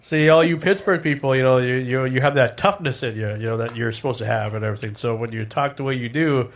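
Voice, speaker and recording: A man co-hosting a studio talk show in an even, middle-pitched voice. He laughs a lot and teases the guests in a relaxed, easygoing way. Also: fast. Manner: laughs often, teasing, easygoing. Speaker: radio show co-host. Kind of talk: casual studio chat.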